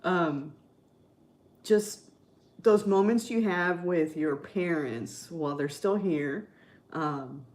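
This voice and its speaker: A woman's voice: fairly low pitch, slow, long pauses, a little mellow. A middle-aged woman with a Californian accent chatting casually on a livestream, peppering her talk with "like" and "you know". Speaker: livestream host. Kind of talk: casual live chat with viewers.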